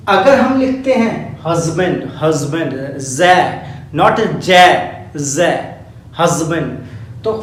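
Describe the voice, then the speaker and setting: A male teacher with a high voice explains phonetics rules for an exam. He patiently goes over each point several times. The sound is heavily echoey, as if captured in a bare room. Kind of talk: exam-prep phonetics lesson. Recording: very echoey room, voice far from mic.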